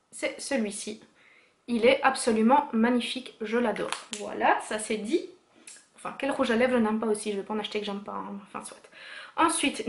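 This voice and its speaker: A chatty woman with a fairly high voice presents a casual beauty haul, brimming with enthusiasm and sprinkling fillers as she goes. She speaks into a camera mic in a room at home. The room gives her voice a noticeable echo. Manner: chatty and enthusiastic, full of "voilà" and "euh". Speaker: beauty vlogger. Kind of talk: casual make-up haul vlog. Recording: echoey room.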